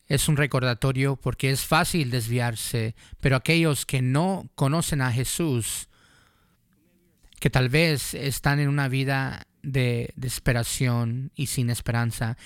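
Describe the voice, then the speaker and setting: Man, preacher, personal testimony, earnest appeal, smooth resonant voice, dry sound. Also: medium pitch, no room sound. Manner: earnest, urgent appeal to the listener. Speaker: preacher giving his testimony. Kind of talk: personal testimony and altar call.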